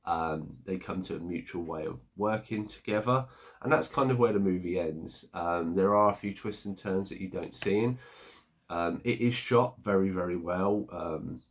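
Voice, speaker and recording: Very deep-voiced man reviewing a film. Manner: unhurried, thinking aloud with many filler pauses. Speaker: movie reviewer. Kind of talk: casual spoken movie review.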